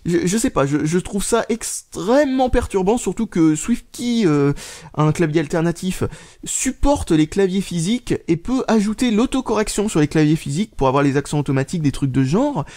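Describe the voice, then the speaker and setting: A man giving a casual hands-on phone review, halting and full of restarts, muttering and swearing under his breath as he types. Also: high voice, lively intonation, a little mellow. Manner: halting, many fillers and restarts, mutters while typing. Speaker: tech reviewer.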